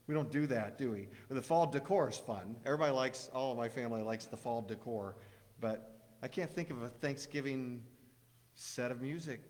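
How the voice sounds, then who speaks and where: A middle-aged man preaching a casual sermon, rambling with restarts and telling jokes. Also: mid-range voice. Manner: rambling, warm storytelling with restarts. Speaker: pastor. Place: church sanctuary. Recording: long church hall reverb.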